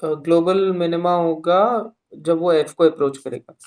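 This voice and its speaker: High-voiced young male student. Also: fairly even intonation, a little slow, darkish tone. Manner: asks polite questions, addresses the teacher as sir.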